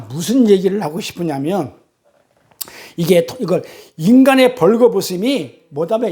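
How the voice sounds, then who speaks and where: A woman preacher giving a teaching sermon at a church service. She keeps quizzing the congregation with rhetorical questions and reads scripture and transliterated Hebrew slowly and deliberately. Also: medium pitch, warm tone.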